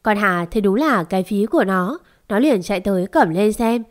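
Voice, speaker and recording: A woman tells a first-person story. Her narration is dramatic, and she voices heated quarrels with sharp bursts. Her pitch sits in the middle range. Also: lively intonation, fairly quick.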